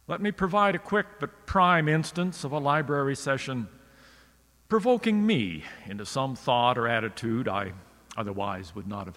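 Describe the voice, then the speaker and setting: A writer delivers a scripted radio lecture with a dry, wry turn of phrase. His pitch rises and falls in a lively, animated way as he tells his stories. A long reverb trails behind his voice. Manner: wry, literary storytelling delivery. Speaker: writer giving a radio talk.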